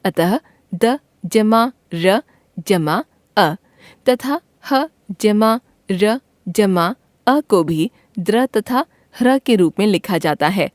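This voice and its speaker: Slow, careful woman reading a grammar lesson. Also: mid-range voice, lively intonation, darkish tone, dry recording, clean studio sound. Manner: slow, careful reading of letters and word lists. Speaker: teacher. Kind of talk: textbook grammar lesson read aloud.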